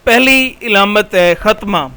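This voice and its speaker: Teacher, male, middle-aged, Pakistani Urdu accent; high, clear voice, patient explanatory lecture manner. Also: measured pace, bright, forceful tone. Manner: patient, explanatory, repeats key terms. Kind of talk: recorded slide lecture.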